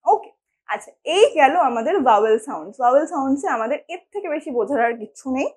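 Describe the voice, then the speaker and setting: Lively high-voiced woman teaching English. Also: fast, slightly rough. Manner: explains patiently, often checking in with the learners. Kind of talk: spoken English lesson for Bengali speakers.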